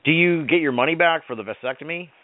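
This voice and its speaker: A man's voice: a little high, fast talker. A man hosting a casual radio chat, teasing and sarcastic with his guest. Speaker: radio host. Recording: dry phone-like radio sound.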